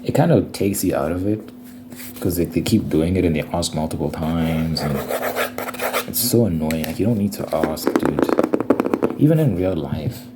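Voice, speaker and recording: Young guy w a deep voice rambling and griping casually in an asmr vid, super noisy audio w clicks. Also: normal speed. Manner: informal, slangy, complaining. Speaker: ASMR video creator. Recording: noisy recording with clicking sounds.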